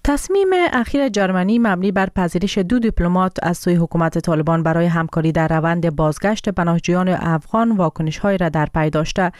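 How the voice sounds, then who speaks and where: A woman presents the radio news in a measured, formal way. Her voice sits low, and the studio sound is close and dry. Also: darkish tone, dry recording. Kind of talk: read news bulletin.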